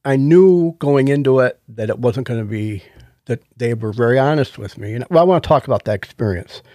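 A man's voice: mid-range voice, lively intonation, fairly quick, a little mellow. Middle aged guy, no teeth so kinda lispy, folksy podcast chat, earnest, dry sound no echo. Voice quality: toothless, lisping speech after oral surgery. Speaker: podcast co-host. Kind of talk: casual conversational podcast testimony.

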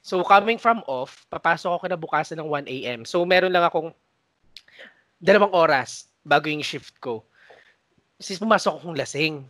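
A woman's voice: low-pitched, normal speed, fairly bright tone, dry recording. Chatty Filipino woman, podcast co-host. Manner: laughs often, mimics coworkers. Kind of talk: casual storytelling chat.

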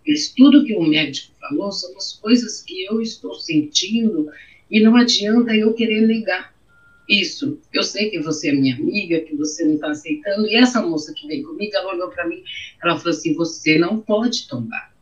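A middle-aged woman, Brazilian-accented and with a lowish voice, talks a little fast as she gives personal testimony in an interview. She is emotional and repeats her phrases, recorded on muffled, dull audio.

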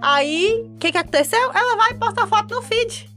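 A woman's voice: very high voice, normal speed, soft background music. A young woman from Montes Claros, northern Minas Gerais, with a Mineiro Brazilian accent, telling a story in a chat and acting out what everyone said. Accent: Mineiro Brazilian Portuguese. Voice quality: animated, self-dramatizing, quotes others in lively voices. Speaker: guest.

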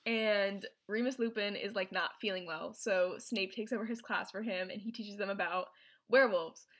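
A woman chatting casually as she retells a film, her talk rambling and full of fillers. She restarts often and keeps going at an everyday pace, in a voice of middling pitch. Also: steady tone, moderate pace, a bit bright. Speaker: presenter recapping a film. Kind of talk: casual chat.

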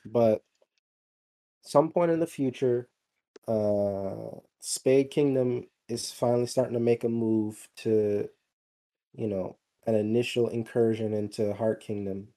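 A man's voice: on the low side, steady tone, takes it slowly, warm tone. A man co-hosting a casual podcast chat, rambling with lots of fillers and restarts.

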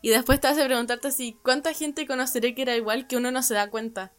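A woman, talking quickly in casual chat. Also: high voice, steady tone, soft background music.

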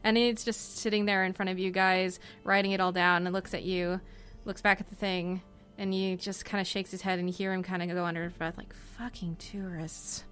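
A woman's voice: on the low side, flat delivery, a little fast, fairly bright tone. A woman running a tabletop role-playing game, describing scenes in a chatty, meandering way with many fillers. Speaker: game master.

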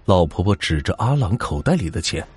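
A male storyteller narrates a ghost story in a deep, husky voice. His delivery is dramatic and suspenseful, with lively rises and falls in pitch. Faint music plays behind him. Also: fairly quick.

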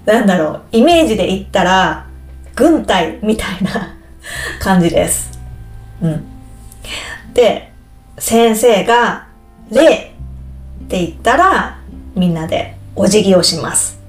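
A woman explaining a topic slowly and simply, like a teacher speaking to language learners. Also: medium pitch, animated, echoey room, faint music behind. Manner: slow, clear, explaining simply with repetitions. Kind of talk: slow explanatory podcast talk.

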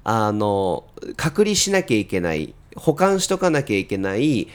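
A man's voice: on the low side, sing-song, measured pace, smooth. A man co-hosting a podcast, talking informally and musing like an enthusiast as he explains references to his partner. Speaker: podcast co-host. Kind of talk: casual review chat between co-hosts.

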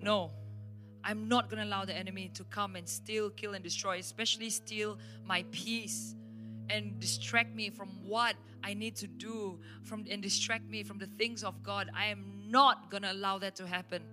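At a church service, a woman with a Malaysian English accent preaches and tells stories with emphasis and animation. Her pitch is medium and her pace moderate, and faint instrumental worship music runs in the background of this sermon.

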